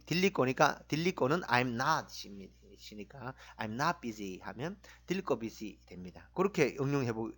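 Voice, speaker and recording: A middle-aged man teaches a language lesson with a lively, bouncing pitch. He drills short phrases and has listeners repeat them. His tone stays encouraging throughout.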